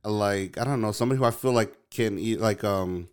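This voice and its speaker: A man's voice: on the low side, fairly quick, smooth. A man in casual chat, rambling and hesitant, with many fillers and restarts.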